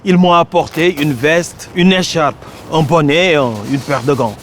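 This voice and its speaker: With slight background noise behind him, an actor from Casamance in Senegal slowly declaims a theatrical monologue, pausing dramatically between phrases. For a man, his voice sits fairly high.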